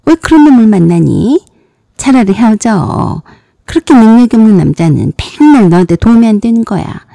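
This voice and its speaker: A woman's voice: mid-range voice, warm tone, no echo, studio quality. A woman voicing a bossy eldest sister in a storybook drama who lectures bluntly and sarcastically.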